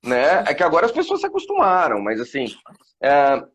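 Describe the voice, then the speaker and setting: A man's voice: on the high side, huge pitch swings, brisk, a bit bright, a little hiss or hum. A middle-aged father in a casual live chat, reflecting on raising kids with many fillers and restarts. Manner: reflective, talks about parenting with many fillers. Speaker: guest.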